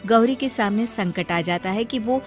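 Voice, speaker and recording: A female storyteller narrates a scripted moral tale in a medium-pitched voice at a moderate pace, with faint music playing behind her.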